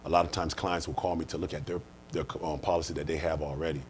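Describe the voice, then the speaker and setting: In a conversational interview, a man raised in the United States who manages life insurance answers earnestly, circling back to restate what he means. He speaks quickly in a rumbling low voice with a level tone, over slight background noise.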